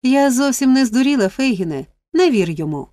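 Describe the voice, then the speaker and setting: A defiant young woman cries out in a raised, strained voice, as a woman reader puts her on. The tone is mellow and the recording dry. It is a storybook reading. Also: high-pitched, sing-song, fairly quick, no room sound, voice pushed up. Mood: stubborn defiance. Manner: shouting, defiant.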